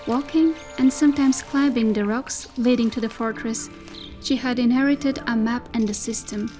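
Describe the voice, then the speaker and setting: Telling a dystopian folk tale from a script, this female storyteller keeps her literary narration measured and descriptive. Her pitch is fairly high, her tone warm and natural, with faint music in the background.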